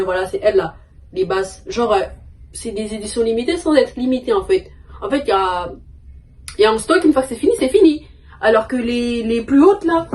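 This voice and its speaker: A young woman from France talks, her voice sitting fairly high. She rambles along in relaxed slang, full of fillers and asides, as in a casual vlog chat. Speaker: vlogger.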